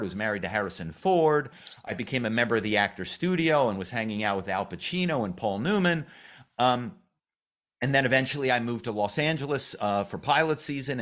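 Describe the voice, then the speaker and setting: A middle-aged man from Philadelphia tells stories from his past in a podcast interview. He talks at a middle pitch and slips into quick impressions of the people he quotes. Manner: animated storyteller, acts out quoted voices. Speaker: podcast guest, author and former corporate spy. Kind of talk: storytelling interview.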